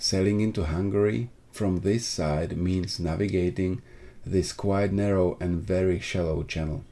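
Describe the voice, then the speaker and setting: Deep, dark-voiced man narrating a voyage. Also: a little slow. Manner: plain, steady, slightly non-native phrasing. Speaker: sailing vlogger narrator. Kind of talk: scripted voice-over narration.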